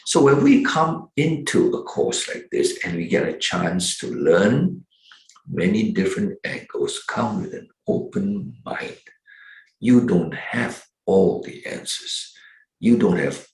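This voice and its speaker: An older man teaching a seminary course in an animated, preacherly yet conversational way. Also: low-pitched, creaky, reverberant, rough recording. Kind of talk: teaching talk.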